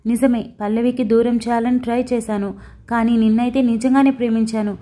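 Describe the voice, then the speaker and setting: A woman's voice: fairly high pitch, fairly even intonation, brisk, mellow, close to an everyday voice. A woman voicing a desperate young woman in an audio story, pleading.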